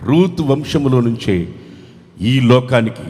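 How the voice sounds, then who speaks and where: A male pastor preaching a dramatic sermon at a large church convention. He swings between shouted peaks and low, quiet lines, and he urges the crowd to clap and cry hallelujah. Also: animated, slow pace. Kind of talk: Telugu revival sermon. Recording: long hall reverb from a large venue.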